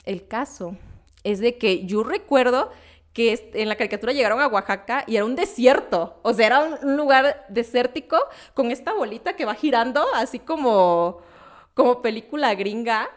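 A woman's voice: fairly high pitch, moderate pace. A young Mexican woman co-hosting a casual nostalgic chat, telling stories with slang and frequent laughs. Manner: animated, laughing, slangy storytelling. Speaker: podcast co-host.

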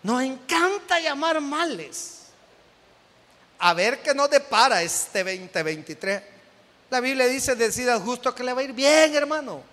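A Salvadoran man preaches in a high, ringing voice, teasing his listeners and acting out little everyday scenes. His voice carries a long reverb, as in a church hall. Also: moderate pace, bright, forceful tone. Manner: joking, acts out everyday scenes; calls out to the congregation. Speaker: pastor. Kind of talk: sermon.

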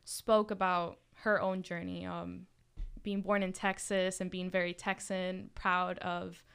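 A woman's voice: on the low side, level tone, unhurried, vocal fry, fairly bright tone, smooth. A young woman from Miami talking casually on a podcast as a student club leader, chatty and full of fillers. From Miami, Florida. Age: young adult. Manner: chatty, with many fillers and restarts.

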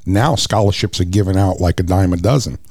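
A middle-aged former wrestler tells his life story in an interview. His voice sits low and sounds dry and close. He talks earnestly and livens up when he recounts what others said to him. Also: fairly quick, a little mellow, breathy edge, no echo. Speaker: guest, former professional wrestler. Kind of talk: personal testimony in an interview.

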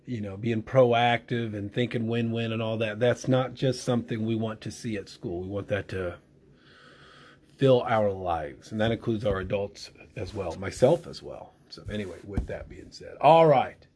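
A man's voice: on the low side, moderate pace, a little mellow. A man hosting school morning announcements in a playful, rambling way with lots of fillers.

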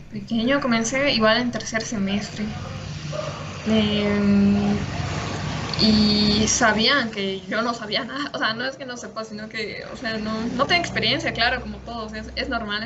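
A woman guest on a podcast, explaining her work calmly and in a measured way. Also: a little high. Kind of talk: casual podcast chat. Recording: muffled audio with background noise.

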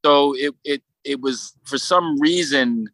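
A man with a Brooklyn accent talking casually as a podcast guest, in a halting, rambling way full of "you know". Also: fairly high pitch, creaky, fairly bright tone, no room sound. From Brooklyn, New York. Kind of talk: casual conversational interview.

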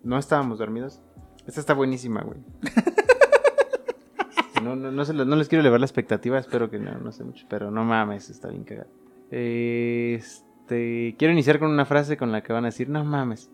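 A man's voice: medium pitch, fairly even intonation, a little fast, creaky, soft background music. A young man with a Mexican Spanish accent, telling a crude, slang-heavy story in a casual chat. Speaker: podcast co-host.

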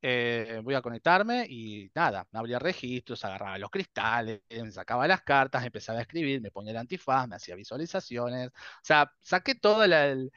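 A man's voice: mid-range voice, very animated, a little fast, fairly bright tone, clear, resonant tone, no room sound, highs cut off. A man in his thirties with a Rioplatense Spanish accent, telling his story as a guest in a casual interview, acting out dialogues and laughing often. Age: 30s.

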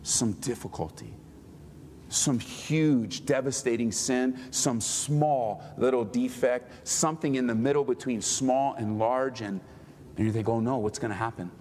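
A man's voice: mid-range voice, a little slow, slight background noise. Man preaching a sermon, middle-aged, impassioned, long hall reverb, faint ambience. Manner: impassioned, swings from loud pleading to quiet tender. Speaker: pastor.

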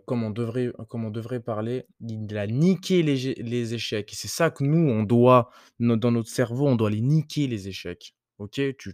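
A man hosts a casual motivational podcast, talking straight to the listener in loose, slangy speech full of fillers, restarts and the odd curse. His voice sits at an ordinary middle pitch, and the recording is dry and close with no room sound. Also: a little mellow, dry recording. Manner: hesitant, many fillers and restarts, crude slang. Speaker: podcast host.

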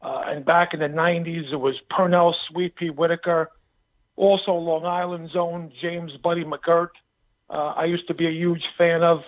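A man's voice: a little high, flat delivery, normal speed. Middle-aged man on a tinny phone line. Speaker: boxing pundit, phone-in guest. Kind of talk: casual interview answers. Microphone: telephone.

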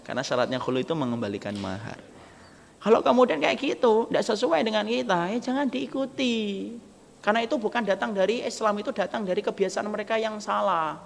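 Gravelly preacher with a lilt. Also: male voice, high voice, a little fast. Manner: lively, joking, acts out quoted dialogue. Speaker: Islamic preacher. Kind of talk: humorous sermon. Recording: gravelly voice with long hall reverb, faint background noise.

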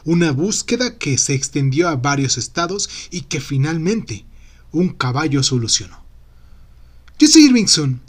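Higher-pitched man narrating a mystery story. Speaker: podcast host and narrator.

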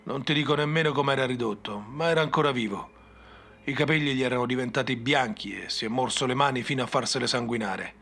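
A man narrating a fantasy story in a measured, dramatic reading. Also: medium pitch, gravelly, a bit bright, slight background noise. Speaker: audiobook narrator.

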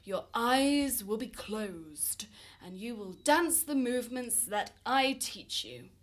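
A woman voicing a calm male sage who gives firm, slow instructions. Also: a little high.

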